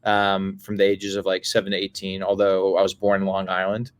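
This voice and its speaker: A man who grew up in Brazil, explaining things as an interview guest in a measured, casual way. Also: sits low, completely flat delivery, smooth. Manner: measured, many "um" and "you know" fillers. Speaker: interview guest, game creator.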